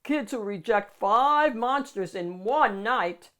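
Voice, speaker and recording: A woman's voice: fairly high pitch, animated, slow, fairly bright tone, voice pushed up. A woman voicing a big, scruffy male storybook monster who whines and slurps while trying to sound menacing. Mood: whiny warning. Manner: whining, slurping, mock-threatening.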